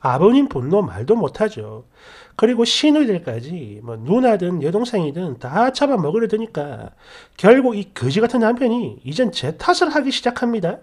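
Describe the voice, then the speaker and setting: A woman narrates her own story in a chatty, indignant tone, as if gossiping with a friend. Her pitch moves a lot, rising and falling as she tells it. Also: big pitch swings, normal speed, a little mellow, husky. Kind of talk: first-person story narration.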